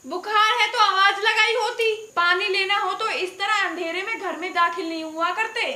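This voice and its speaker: Woman doing a harsh daughter-in-law, very high and bright voice, sarcastic and accusing, audio drama, roomy echo. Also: steady tone, normal speed, full character voice. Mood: scornful. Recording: roomy voice over background music.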